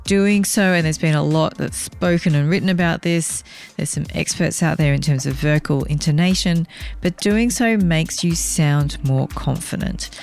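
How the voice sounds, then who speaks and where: A woman hosting a podcast, giving speaking tips in a clear, measured, coaching tone. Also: low-pitched, darkish tone, faint music behind. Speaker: podcast host.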